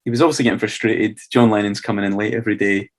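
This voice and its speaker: Low-voiced Scottish man, easygoing chat. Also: steady tone, rapid-fire. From Scotland. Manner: easygoing, hedging with "sort of" and "kind of". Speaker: podcast co-host. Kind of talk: casual chat.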